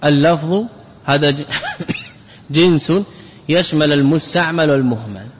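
A man's voice: fairly high pitch, unhurried, husky. A man teaching a grammar class, repeating words to drill them and putting questions to his students. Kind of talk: classroom lecture. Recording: lecture hall with long reverb.

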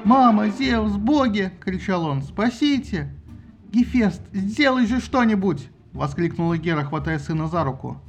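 Male audiobook narrator, a touch higher voice.

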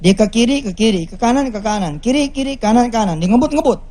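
A man preaches at a large religious gathering. He tells stories in an animated, jokey way and acts out every quote. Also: extremely high pitch, fast. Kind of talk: lively storytelling sermon.

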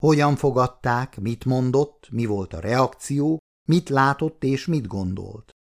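A man narrating an audiobook in a steady, matter-of-fact way. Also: mid-range voice, gravelly.

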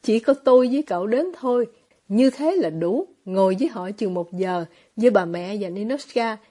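Woman reading as a gentle consoling young man. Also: mid-range voice, lively intonation, moderate pace, close to an everyday voice.

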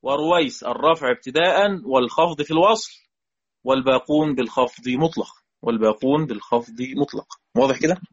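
A man with an Egyptian accent teaching Quran readings, often repeating phrases and asking his students if it is clear. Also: medium pitch, brisk. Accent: Egyptian Arabic. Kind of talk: lesson. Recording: dull lo-fi recording.

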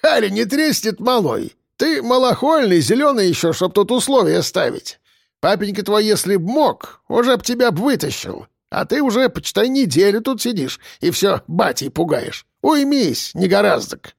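A man doing a creaky, folksy old man. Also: high-pitched, big pitch swings, normal speed, dry recording, clean studio sound, pitched above the performer's own voice, heavily acted. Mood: mocking. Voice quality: creaky, wheezing. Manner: mocking, folksy sayings. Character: crusty old man prisoner, wry and folksy.

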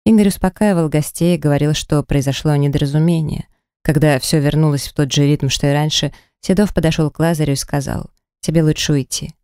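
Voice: medium pitch, steady tone, fairly quick, darkish tone, smooth, dry recording. A narrator reading a first-person romance audiobook dramatically and expressively into a close mic.

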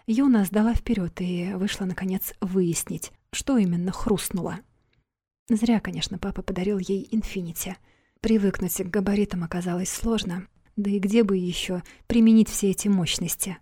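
Breathy, warm woman telling a story. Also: medium pitch, fairly even intonation, normal speed, dry recording, clean studio sound. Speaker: audiobook narrator. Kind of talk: scripted narration.

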